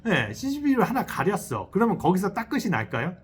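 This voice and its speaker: A man's voice: high voice, a little fast, a little hiss or hum. A man, a Buddhist monk, giving a dharma talk who keeps questioning his listeners and chuckles as he acts out inner thoughts. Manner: lively, asks the audience questions and checks in often; chuckles while acting out little inner voices. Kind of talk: sermon. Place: temple hall. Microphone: selfie-style camera.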